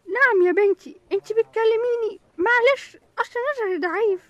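A woman's voice: extremely high pitch, brisk, fairly bright tone, muffled recording. A woman with an Egyptian accent playing a frail elderly woman with weak eyesight who keeps asking what is going on. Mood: confused. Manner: bewildered, asking around.

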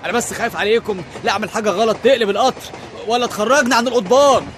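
A man's voice: high-pitched, rapid-fire, noisy background, lightly acted. A man playing a flustered, scared Egyptian man pleading that he cannot help. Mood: anxious. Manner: pleading, anxious. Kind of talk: TV drama acting.

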